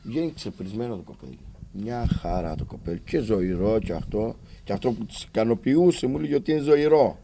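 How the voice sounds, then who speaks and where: A man with a Cretan accent and a deep, very dark, mellow voice tells a reporter his own story as a father. He is agitated and acts out the conversations he had, often pushing his voice up with intensity. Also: expressive, gravelly, a little hiss or hum. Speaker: father of a patient.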